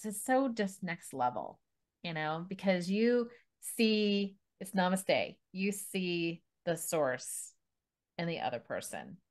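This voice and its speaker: A woman hosting a podcast in casual interview chat, bubbly and quick to laugh, with many restarts. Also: lowish voice, very animated. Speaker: podcast host.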